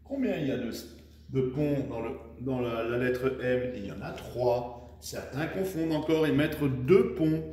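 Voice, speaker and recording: A man teaching young children, dictating words slowly syllable by syllable and encouraging them, recorded far from the mic in an echoey room. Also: mid-range voice, expressive, mellow, slight background noise. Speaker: primary school teacher. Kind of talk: slow dictation lesson for children.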